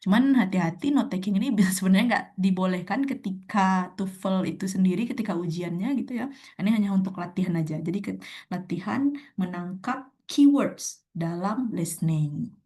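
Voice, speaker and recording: A woman's voice: medium pitch, normal speed, mellow. A young woman speaking in an online webinar lesson, chatty, with many fillers and frequent laughs. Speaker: speaker at an online sharing session.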